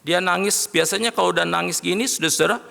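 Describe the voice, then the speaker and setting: Gravelly man preaching in reverberant hall. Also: high-pitched, fast talker, sharp tone. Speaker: pastor. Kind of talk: sermon. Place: large worship hall.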